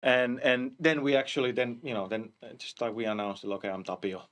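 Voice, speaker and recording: A man, a cinematics director, talking casually in an interview, halting with many restarts and fillers. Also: mid-range voice, flat delivery. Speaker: live action and cinematics director.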